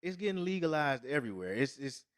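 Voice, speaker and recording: A man's voice: fairly high pitch, sing-song, fast, no room sound, clean studio sound. A man co-hosting a podcast in casual, profane chat, emphatic and often restarting mid-thought. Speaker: podcast co-host.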